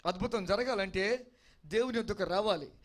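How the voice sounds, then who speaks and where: Very high-voiced preaching man. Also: normal speed. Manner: emphatic preaching with repeated refrains, asks congregation if they follow. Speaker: pastor. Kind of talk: expository sermon.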